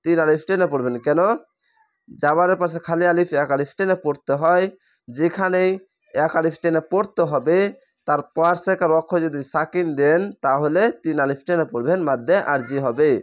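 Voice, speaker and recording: A man teaching Quran reading, patiently spelling out each word letter by letter and slowly stretching the recited syllables. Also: on the high side. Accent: Bangladeshi Bengali. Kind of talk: step-by-step spelling lesson.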